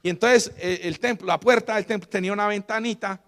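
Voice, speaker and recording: Preaching as a visiting pastor, this Colombian man pitches his voice high and moves fairly quickly, shifting between loud and soft passages. He fires call-and-response questions at the congregation, and a long reverb tail follows his words.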